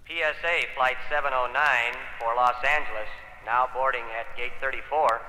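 A man making a formal boarding announcement over a distant airport public-address loudspeaker. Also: medium pitch, normal speed, slight background noise.

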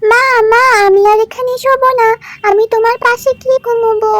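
A woman's voice: very high-pitched, fairly even intonation, brisk, dry recording, pitched above the performer's own voice. A woman voicing a small, sick, clingy little girl who whimpers and drags out her calls for her mother in a doll story. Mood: whiny.

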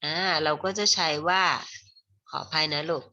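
A woman with a Thai accent teaching English to children in an online lesson, moving between Thai and slow, carefully spelled English and calling the viewers "child". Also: low voice, fairly even intonation, pushed and bright, lo-fi sound, slight background noise.

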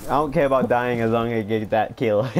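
A young man in casual gaming chat, boastful and excitable, trash-talking his opponents. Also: mid-range voice, brisk. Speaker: gamer. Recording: noisy background hiss.

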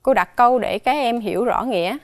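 A primary school teacher with a Southern Vietnamese accent gives children a dictation lesson, spelling out every sound and tone mark slowly and carefully. Her voice is on the high side, with no echo.

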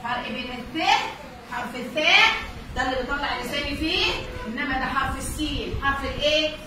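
A woman's voice: high-pitched, fast talker. A woman with an Egyptian accent teaching children to read, patient and repetitive, often checking they understood. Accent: Egyptian Arabic. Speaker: Arabic reading teacher. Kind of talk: online lesson for children. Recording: very echoey room, distant mic, noisy.

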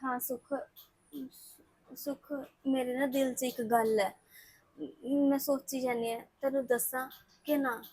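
A woman's voice: high-pitched, fairly even intonation, measured pace, pauses often, darkish tone. An actress playing a worried young woman who pleads tearfully for justice. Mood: hushed. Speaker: distressed young wife seeking justice. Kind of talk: Punjabi web-series acting.

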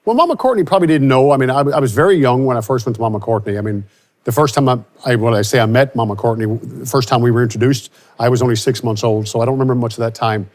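A Louisiana country singer in his forties talks at a quick pace with a medium, slightly mellow voice. He's being interviewed on a studio set with a starry backdrop, wearing a lapel mic, and he reflects aloud, often restarting his sentences.

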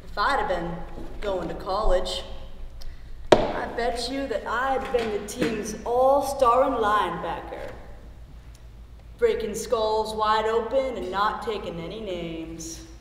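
A woman's voice: mid-range voice, background noise, natural voice. Woman playing a crude, boastful Western marshal. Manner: crude, hot-tempered, slow drawling storyteller. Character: rowdy, boastful male Western deputy marshal. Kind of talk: live stage play acting. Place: theater stage. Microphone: distant stage mic. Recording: echoey theater hall from far off.

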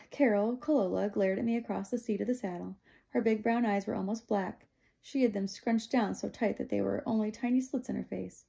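Gravelly-voiced woman reading a novel. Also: mid-range voice. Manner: steady, plain storytelling. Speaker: audiobook reader. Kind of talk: first-person novel narration.

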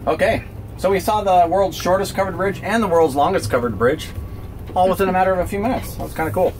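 A man's voice: high-pitched, quick pace, poor audio. A man in his forties hosting a casual travel vlog with a dry, joking, teasing manner. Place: mostly inside moving car and motorhome, sometimes outdoors. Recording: loud vehicle and outdoor noise.

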